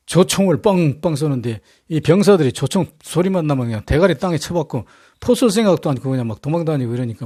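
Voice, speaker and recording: A man's voice: a little high, mellow, no echo, studio quality. A man casually telling a history story, rambling with many fillers and restarts and using coarse slang.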